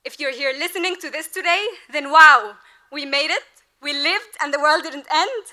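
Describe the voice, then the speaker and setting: A woman's voice: high-pitched, moderate pace, bright, forceful tone. A young woman in her twenties, the graduating class representative, delivering an earnest, rhetorical commencement speech at a podium mic during a large outdoor ceremony. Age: 20s. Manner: earnest, rhetorical, building to emphatic peaks.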